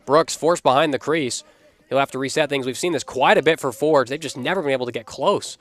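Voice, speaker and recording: A man doing live play-by-play from a commentary booth, his voice mid-pitched and even. He keeps a steady, energetic flow and lifts sharply when a shot goes in. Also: a little fast, no echo. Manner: energetic, rises on big plays.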